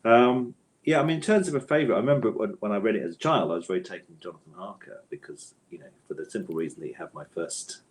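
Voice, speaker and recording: A man with a fairly low voice talks fast as an author guest in a casual literary interview. He works through his ideas hesitantly and digressively, phrasing things thoughtfully and repeating tag questions.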